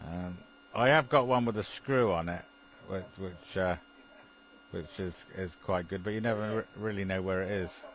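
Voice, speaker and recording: A low, slightly bright voice at a moderate pace, captured roughly with slight background noise, belongs to a British radio enthusiast. He discusses technical matters casually, hesitating, chuckling and repeating himself.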